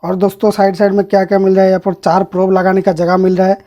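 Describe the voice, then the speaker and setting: A man's voice: high-pitched, completely flat delivery, fast talker, dark tone, lo-fi sound. A man hosting an electronics channel, casually unboxing and reviewing a device and explaining each part to viewers as he handles it.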